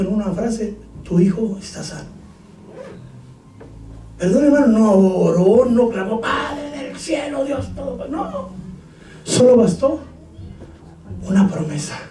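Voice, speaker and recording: A male pastor preaching a sermon, shouting scripture and joking with his congregation. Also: sits high, slight background noise. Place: church hall. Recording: echoey room, far from mic.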